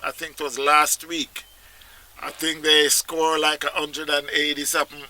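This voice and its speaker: A man hosting casual cricket commentary for his channel, talking haltingly with many "um" fillers. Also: fairly high pitch, flat delivery, bright, forceful tone, poor audio.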